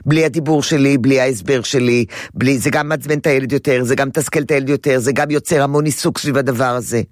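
A woman's voice: very deep voice, fairly even intonation, no room sound, studio quality. Emphatic woman giving parenting advice. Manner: emphatic, repetitive, acts out a child's voice. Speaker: parenting advisor. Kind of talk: advice talk to a caller.

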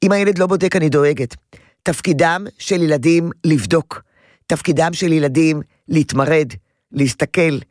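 A woman's voice: deep voice, darkish tone, no room sound, clean studio sound. A woman counseling a mother on parenting, talking emphatically and often repeating her key phrases. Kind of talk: parenting advice session.

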